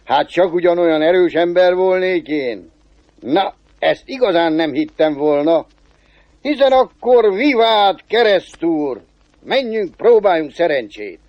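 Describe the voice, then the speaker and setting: A man's voice: high-pitched, expressive, no echo. Guy playing a sly bragging peasant in a folk tale, short and cocky, a bit dull and dry. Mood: boastful. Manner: curt, self-assured. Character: poor boastful peasant furrier, sly.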